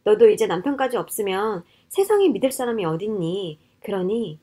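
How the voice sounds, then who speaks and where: A woman's voice: mid-range voice, lively intonation, normal speed, warm tone, lightly acted. A woman voicing a greedy, scheming older mother-in-law who talks down coaxingly, in a narrated storybook-style radio story. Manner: coaxing, condescending.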